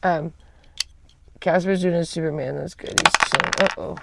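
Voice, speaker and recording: A woman's voice: fairly low pitch, fairly even intonation, moderate pace, gravelly, very noisy. Woman muttering off-mic while switching earbuds. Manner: rambling, filler-heavy talk. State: fiddling with earbuds, voice drifting quiet and off-mic while switching ears. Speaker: livestreamer. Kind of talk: casual livestream chat.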